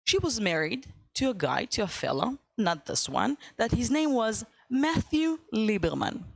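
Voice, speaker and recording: A woman's voice: on the high side, very animated, measured pace, gravelly, dry recording. A young woman from Ukraine, giving a casual guest talk to a church class with lots of fillers and upbeat asides. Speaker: guest speaker.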